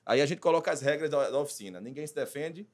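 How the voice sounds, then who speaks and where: A man, a consultant talking as a podcast guest, animated and acting out little dialogues. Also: fairly high pitch, fast. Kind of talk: casual podcast conversation.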